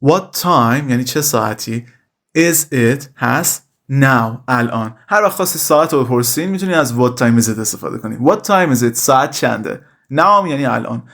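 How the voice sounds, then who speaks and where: A man teaching a language lesson, speaking at a middle pitch. He says each example phrase slowly and carefully, then rattles off a quick, casual explanation, calling his students "kids". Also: lively intonation, fairly bright tone. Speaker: English teacher.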